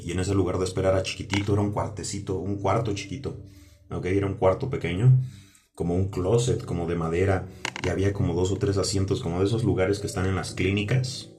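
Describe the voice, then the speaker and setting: Low, flat-voiced man telling a testimony. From Mexico. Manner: halting and repetitive, often asking "¿ok?". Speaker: testimony speaker. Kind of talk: personal religious testimony. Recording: music playing under the voice.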